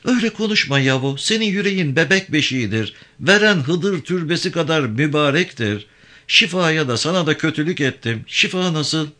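A man's voice: lively intonation, normal speed, pushed and bright. Avke, a sobbing guilt-ridden woman, voiced by a man. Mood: tearful pleading. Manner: high tearful pleading. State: crying. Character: distraught young woman, guilt-ridden and pleading.

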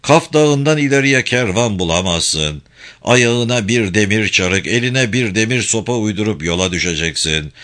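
Stern old sheikh in a told folk tale, deep and forceful, as a male narrator puts him on. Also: animated, moderate pace. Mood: solemn commanding. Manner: grave, commanding instructions.

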